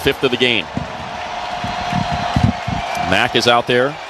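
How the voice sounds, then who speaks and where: Over a noisy stadium crowd, a man delivers live radio football commentary, tracking every play in short, clipped phrases. His voice sits in the mid-range, and he takes his time.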